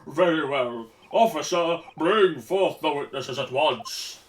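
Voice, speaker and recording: A man voicing a grave, authoritative judge in a courtroom video game, formal and measured. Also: fairly high pitch, a little hiss or hum. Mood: solemn.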